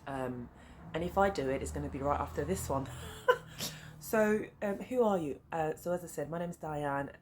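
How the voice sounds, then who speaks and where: Her voice sits low and her pace is moderate as she rambles in casual chat to camera. She's a sewing vlogger in her thirties whose first language is French, so her English carries a French accent, and she's easily sidetracked, dropping in many "um"s and side notes. Faint traffic hums behind her from the busy road by her flat.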